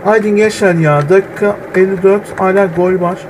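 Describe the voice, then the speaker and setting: A man streaming a football video game, groaning at misses and shouting players' names when they near the goal. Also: sits high, steady tone, normal speed, noisy background. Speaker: gaming channel host. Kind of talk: excited gameplay commentary. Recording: game music loud behind voice. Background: game music.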